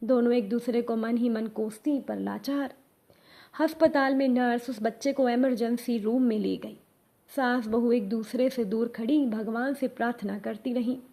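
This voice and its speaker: A woman narrating a devotional moral story, gently addressing her listeners as the congregation. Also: a little high, normal speed.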